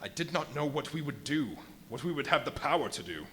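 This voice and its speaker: At a live radio play staged in a brewery, a man with a fairly high, fairly bright and lively voice plays the Invisible Man, a feverish, boastful, volatile scientist recounting his crimes. Tense and indignant, he swings dramatically, using literary phrasing and emphatic pauses in this theatrical monologue, with background noise audible.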